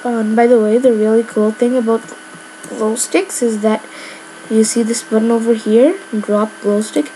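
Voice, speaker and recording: A woman's voice: on the high side, steady tone, normal speed, mellow, slight background noise, rough recording. A woman giving casual gameplay commentary, rambling with lots of filler words. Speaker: gamer.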